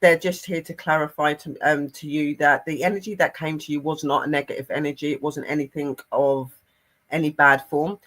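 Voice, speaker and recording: A man's voice: a little high, little pitch movement, a little fast, a bit bright. A man, co-hosting and passing on a channeled spirit message in an earnest, rambling way. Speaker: spiritual medium co-host.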